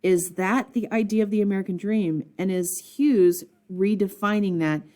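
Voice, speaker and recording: A woman teacher annotating a poem aloud in a recorded lesson, thinking out loud with frequent ums and posing questions to her students. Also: mid-range voice, fairly even intonation, normal speed.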